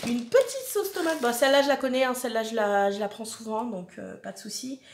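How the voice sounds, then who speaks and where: A woman's voice: fairly high pitch, lively intonation, brisk. Chatty frank woman, roomy sound. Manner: chatty, frank and opinionated, addressing viewers directly. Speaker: vlogger reviewing a food subscription box. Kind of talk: casual unboxing chat.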